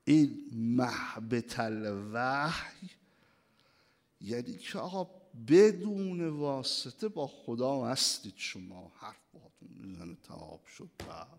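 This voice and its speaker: A man preaching a sermon, reciting Arabic phrases and translating each one, swinging between loud declamation and hushed whispers. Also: mid-range voice, expressive, vocal fry, few pauses.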